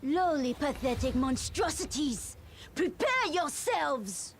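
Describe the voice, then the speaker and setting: High-voiced, haughty ninja villainess. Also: female voice, big pitch swings, slow, heavy background noise, full character voice. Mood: contemptuous. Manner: scornful, declamatory. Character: haughty, menacing young female ninja villain. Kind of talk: video game cartoon villain acting. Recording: loud music behind the voice.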